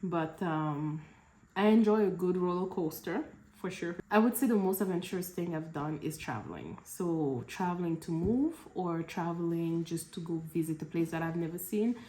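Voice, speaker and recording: A woman's voice: fairly low pitch, normal speed, slight background noise. Chatty woman from Cameroon, echoey room. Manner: relaxed, chatty, laughs between answers. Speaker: vlogger. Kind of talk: casual Q&A vlog.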